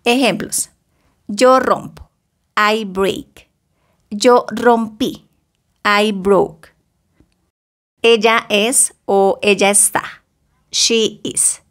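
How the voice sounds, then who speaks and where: A woman teaching English grammar, slowly reading bilingual example sentences with careful pronunciation. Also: mid-range voice. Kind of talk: slow bilingual grammar lesson.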